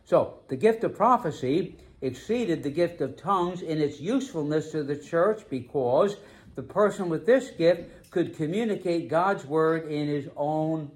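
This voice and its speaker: A man's voice: a little high, a little mellow. Emphatic male pastor preaching a sermon. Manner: emphatic, slows down to stress key phrases.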